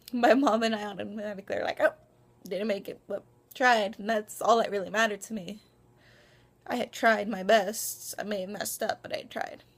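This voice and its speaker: Gravelly young woman rambling to camera. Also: a little high. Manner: rambling, lots of ums and restarts, self-conscious. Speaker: vlogger. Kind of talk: casual vlog monologue. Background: dog barking.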